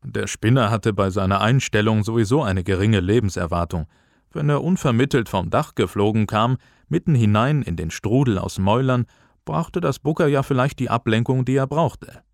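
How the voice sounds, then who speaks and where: Low-voiced male audiobook narrator. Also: expressive, moderate pace, gravelly, no echo, clean studio sound. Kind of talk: scripted narration.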